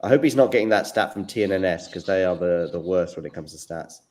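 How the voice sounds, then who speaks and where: A man's voice: deep voice, quick pace, darkish tone. A man hosting a live tennis watchalong, giving casual running commentary and chatting with his co-hosts. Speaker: watchalong host.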